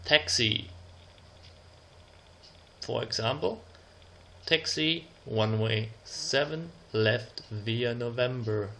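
A man narrates an instructional slide presentation in the role of a tutor. His mid-range voice has a bright, forceful tone, and he reads out example phrases in a deliberate, measured way.

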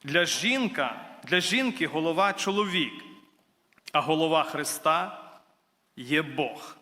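The guest preacher's voice here is a little high and expressive, pushed and bright, moving at a slow pace. Addressing the congregation as brothers and sisters, he preaches earnestly and climbs toward emphatic declarations, with the church hall's reverb audible around him.

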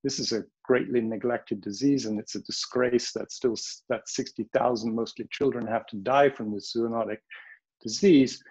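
A man giving a frank, opinionated conference talk over a video call, pausing often with ums. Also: medium pitch, steady tone, a little mellow, breathy edge, poor audio. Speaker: panel speaker, wildlife health director. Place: home or office in the Bronx.

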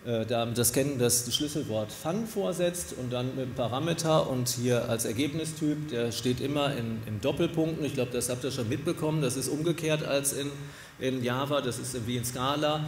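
A middle-aged man, a software developer, giving a relaxed conference talk with a live coding demo at a podium in a large lecture hall, with many fillers. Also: mid-range voice, slight background noise. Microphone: podium mic. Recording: echoey hall from a distance.

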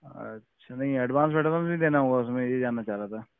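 A village head from Uttar Pradesh, India, calls someone and speaks casually, deferential and full of questions. His medium-pitched voice is fairly quick and smooth, with no echo, heard through a narrow, tinny recorded phone line.

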